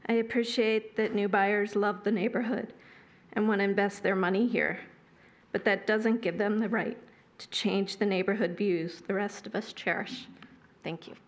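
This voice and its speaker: A woman's voice: medium pitch, steady tone, moderate pace. Firm woman giving a public comment. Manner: firm, principled, prepared statement. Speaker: resident speaking at public comment. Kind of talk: public comment at a city meeting.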